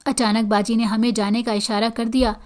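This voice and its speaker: Woman narrator for horror audio stories, steady, slightly high pitch. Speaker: storyteller. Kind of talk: scripted first-person horror narration.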